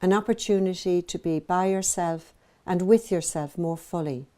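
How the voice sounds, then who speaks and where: A woman with a lowish voice leads a guided meditation as its teacher. She narrates in a calm, gentle, measured way, pausing after each phrase to soothe.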